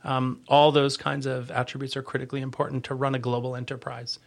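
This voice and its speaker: A man giving a conversational podcast interview as an agency leader, earnest and halting, often rephrasing as he goes. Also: medium pitch, monotone, creaky.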